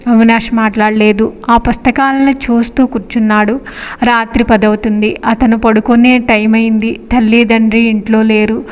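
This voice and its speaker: A woman reading a story aloud in a steady, expressive narration. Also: on the high side, normal speed, in a large hall.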